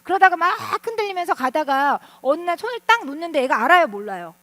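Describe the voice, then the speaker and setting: A woman teacher giving an animated lecture to parents, often asking the audience questions. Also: extremely high pitch, quick pace, no room sound. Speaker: teacher speaking at a parent seminar.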